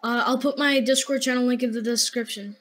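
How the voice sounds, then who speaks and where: A man's voice: extremely high pitch, steady tone, a little fast, a bit bright. A guest gamer casually chatting during a match, often complaining about his aim. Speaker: gaming youtuber, guest. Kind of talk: casual gameplay chat.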